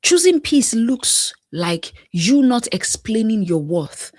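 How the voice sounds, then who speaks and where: A woman's voice: fairly high pitch, big pitch swings, darkish tone, no room sound. Woman life coach, motivational delivery, preacher-like rhythm with whispered asides, dry recording. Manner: emphatic, repetitive, preacher-like cadence with pauses. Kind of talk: motivational talk to camera.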